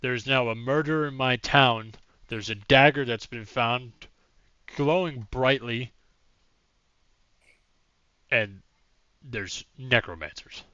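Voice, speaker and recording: A man's voice: mid-range voice, takes it slowly, pauses often, pushed and bright, dry recording, lo-fi sound. A man voicing a wary older male town mayor who questions strangers suspiciously. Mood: incredulous.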